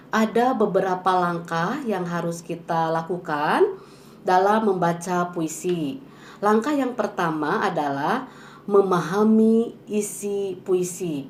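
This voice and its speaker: A woman's voice: lowish voice, roomy sound, slight background noise. A woman teaching how to read poetry aloud, explaining step by step with patient rhetorical questions and frequent "eh" fillers. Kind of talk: poetry reading lesson.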